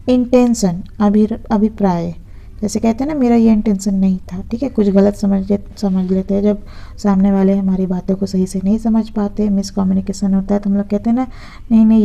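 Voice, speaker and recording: A woman's voice: mid-range voice, gravelly, mellow, highs cut off. A woman teaching an exam-prep vocabulary lesson, patiently repeating words and spelling some out letter by letter.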